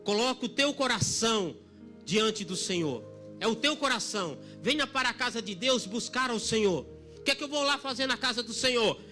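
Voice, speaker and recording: A middle-aged man preaching a sermon at a church service, emphatic, dropping very soft for quoted lines. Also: extremely high pitch, lively intonation, fairly quick, soft background music. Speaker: pastor.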